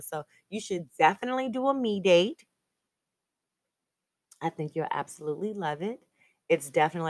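Low-voiced woman hosting a chatty podcast. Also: dry recording. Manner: upbeat, chatty, smiling. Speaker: podcast host. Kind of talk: casual solo podcast chat.

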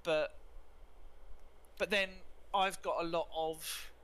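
A woman's voice: on the low side, fairly even intonation, slow pace, fairly bright tone, rough recording. A British woman co-hosting a casual chat, talking in a rambling, chatty way and laughing often. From United Kingdom. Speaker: co-host.

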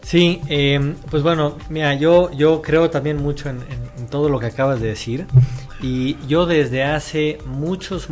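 A man from Israel, a guest author, telling stories in a casual interview with many fillers. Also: mid-range voice. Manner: animated storytelling with many fillers.

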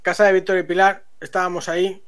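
High-voiced man telling a story. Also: fast, smooth. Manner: animated, laughs often while telling a story. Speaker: streamer. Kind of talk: casual storytelling to friends.

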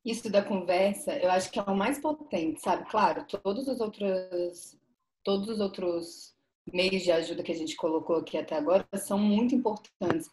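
A woman's voice: mid-range voice, moderate pace, darkish tone. A young Brazilian woman co-hosting a podcast, chatting informally and emphatically in an echoey, roomy recording. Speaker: podcast co-host. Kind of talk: casual chat.

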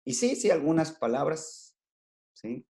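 A rural schoolteacher with a Mexican Spanish accent explains his work as a guest in a casual interview, using many fillers and restarts. His voice sits on the high side, very animated and unhurried, heard over a noisy crowd.

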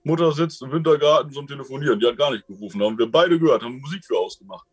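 A man's voice: medium pitch, rapid-fire, slightly rough. Rambling, colloquial man telling stories. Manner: rambling and colloquial, often ends with a questioning tag. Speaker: guest telling his experiences. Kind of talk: casual storytelling.

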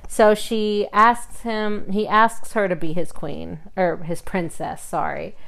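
A woman's voice: medium pitch, level tone, slow, vocal fry, a bit bright. A woman co-hosting a podcast, casually recapping a novel's plot in a rambling way, with lots of "and then she's like" and the odd swear. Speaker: podcast co-host. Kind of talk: casual book-club chat.

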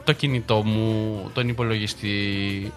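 A man's voice: lowish voice, steady tone, soft background music. A young man hosting a radio show from the studio, talking loosely and rambling with lots of restarts. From Greece. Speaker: radio host. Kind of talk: casual chat.

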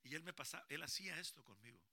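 A man preaching as a pastor at a church service, animated and calling on the children and congregation to repeat after him. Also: on the high side, rapid-fire, no echo. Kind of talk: lively bilingual sermon to a congregation.

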